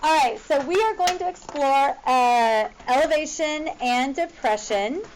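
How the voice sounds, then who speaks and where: Speaking a little slowly in a high-pitched voice, a woman teacher guides her class through math examples in an informal, directive manner while checking they follow along. The low-quality recording has a slight hiss or hum.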